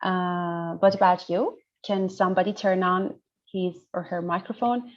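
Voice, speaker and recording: Here the same kind of lecturer, a woman pediatrician from northern Iran with an Iranian accent, speaks in a lowish, steady voice and a little slowly. She explains material in an interactive online medical class and frequently confirms that people understand. She is indoors on a video call with muffled audio.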